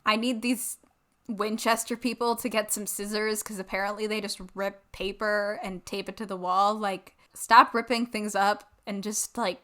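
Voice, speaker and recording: Young woman podcast co-host, bright voice, chatty and animated, casual talk. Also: medium pitch, moderate pace. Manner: chatty, lots of "like", animated asides. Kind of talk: casual chat.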